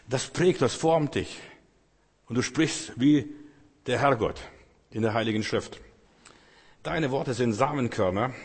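Male preacher, earnest and fervent, husky tone, long hall echo. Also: mid-range voice. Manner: earnest, rises to loud fervent prayer. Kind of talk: sermon.

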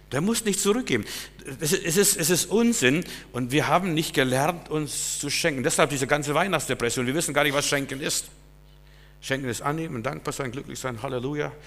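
A male preacher giving a sermon, emphatic and swinging between loud stresses and quiet asides. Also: medium pitch, big-room sound.

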